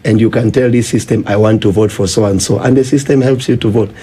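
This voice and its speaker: A man's voice: on the low side, fairly even intonation, fast talker, warm tone, slightly rough. A man with a Kenyan accent explaining persuasively in conversation, insistent and given to repeating himself. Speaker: guest demonstrating a tech system.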